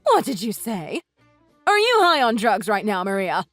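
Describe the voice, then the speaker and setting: A woman reading the text messages of an older, self-righteous mother-in-law in a slow, scolding way, over soft music. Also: mid-range voice, huge pitch swings, no room sound. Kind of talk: read-aloud text-message story. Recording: dry voice with soft music underneath.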